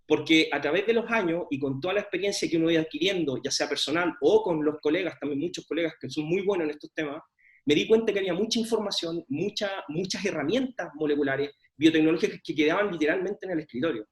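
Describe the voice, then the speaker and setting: A man's voice: a little high, quick pace. A middle-aged man, giving an informal presentation of his research with many fillers and restarts. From Chile. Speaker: scientist presenting his work.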